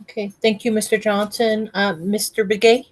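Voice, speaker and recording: A woman's voice: medium pitch, level tone, moderate pace. A woman chairing a school board meeting, hesitant and full of ums.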